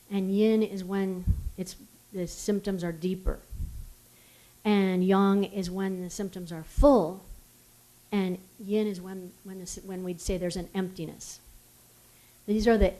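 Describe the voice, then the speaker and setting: American woman lecturer, mellow tone, gentle teacherly pace, quizzes the room now and then. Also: medium pitch. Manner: gentle, unhurried, teacherly, engages audience with questions. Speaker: acupuncturist giving a public health talk. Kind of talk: community lecture with slides.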